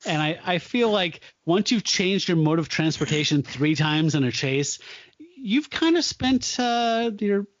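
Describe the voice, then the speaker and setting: A man's voice: sits high, expressive, measured pace, no room sound, dull audio. A man hosting a casual podcast chat about a film, rambling loosely and laughing often. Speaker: podcast host.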